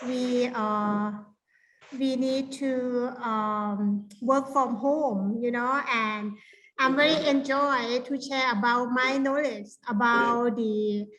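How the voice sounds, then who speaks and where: A middle-aged woman with a Thai accent, giving an informal online lecture in halting non-native English. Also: a little high, steady tone, a bit bright, poor audio. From Thailand. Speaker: university lecturer presenting a workshop.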